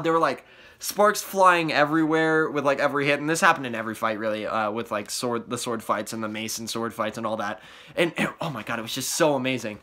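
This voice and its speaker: A young man excitedly recapping a trip in a casual vlog, rambling with many fillers and restarts, his voice a little worn from yelling. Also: medium pitch. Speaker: vlogger.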